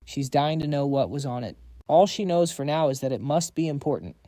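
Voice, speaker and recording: A man's voice: a little high, lively intonation, fairly quick, dark tone, no echo, studio quality. A man narrating a scripted story recap, dropping quips to the audience.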